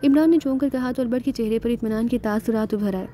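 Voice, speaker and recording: Woman audiobook narrator, fairly high, mellow, steady spy-novel reading. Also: quick pace, a little hiss or hum.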